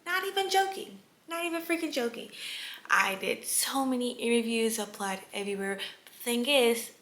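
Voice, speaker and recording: A young woman in her late teens telling her story in a casual, chatty vlog, animated and prone to whispered asides. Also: on the high side, normal speed. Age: young adult. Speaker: vlogger. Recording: echoey room with faint ambience.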